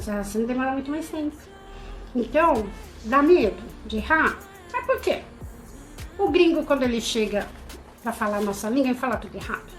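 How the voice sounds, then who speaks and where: Animated Brazilian teacher woman, lively voice. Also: on the high side. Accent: Brazilian Portuguese. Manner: animated, encouraging, rhetorical questions, acts out students' thoughts. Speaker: English teacher. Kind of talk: live-stream lesson, casual talk to viewers.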